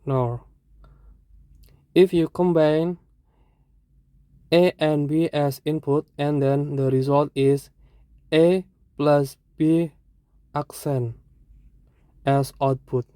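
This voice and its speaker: A teacher with an Indonesian accent, explaining a lesson in short, halting phrases and correcting themselves. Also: mid-range voice, fairly even intonation, dark tone, smooth, no echo.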